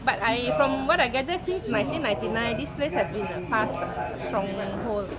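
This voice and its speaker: Woman interviewer, loud crowd behind. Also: on the high side, animated, normal speed. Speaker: citizen journalist interviewer. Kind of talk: outdoor interview questions.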